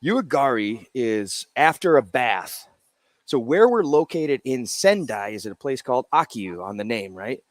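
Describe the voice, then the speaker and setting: A man's voice: mid-range voice, sing-song, normal speed, no echo. Chatty man showing off beer cans, dry sound. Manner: explains while showing cans, loose and chatty. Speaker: brewery co-founder, guest. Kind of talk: casual interview chat. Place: brewery in a Japanese spa town.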